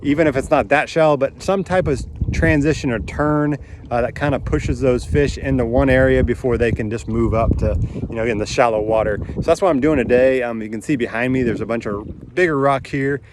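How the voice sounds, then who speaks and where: A man's voice: medium pitch, fairly quick, noisy background. A man in his thirties chatting casually and instructively as a fishing vlogger, out on a boat on a lake. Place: outdoors on a boat on a windy lake.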